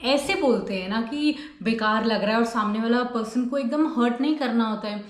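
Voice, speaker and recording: A woman's voice: fairly high pitch, moderate pace. Woman giving advice in an echoey room. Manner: mixes English words into Hindi, acts out little dialogues. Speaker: self-help video host. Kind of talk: casual advice talk.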